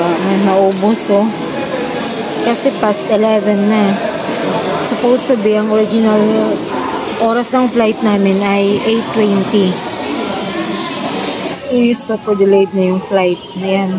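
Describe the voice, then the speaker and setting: A woman's voice: medium pitch, level tone, measured pace, pauses often. A woman with a Filipino accent chatting casually as she narrates a travel vlog. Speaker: travel vlogger. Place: busy airport terminal. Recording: noisy airport, loud crowd din.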